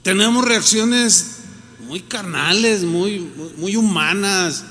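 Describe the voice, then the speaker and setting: A man's voice: high-pitched, takes it slowly, a bit bright, big-room sound. A Mexican man, a pastor, preaching a sermon in a conversational way and acting out the people he quotes.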